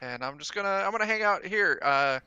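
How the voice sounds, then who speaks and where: A man's voice: sits high, expressive, fairly quick, pushed and bright, clear, resonant tone, lo-fi sound. A man chatting casually as a player in a tabletop game.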